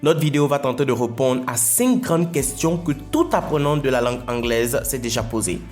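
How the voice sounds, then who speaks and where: Man, language teacher, explanatory lesson narration, patient, repetitive emphasis, mid pitch, faint music behind. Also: moderate pace, a little mellow. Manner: patient, repeats points for emphasis. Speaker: English teacher.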